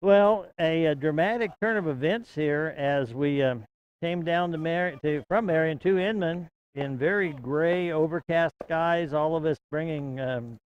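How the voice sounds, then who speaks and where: A man's voice: a little high, lo-fi sound. Chatty small-town football announcer, man. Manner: folksy, chatty, rising excitement on big plays. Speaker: play-by-play announcer. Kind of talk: local high school football commentary. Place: outdoor broadcast stand at a football field.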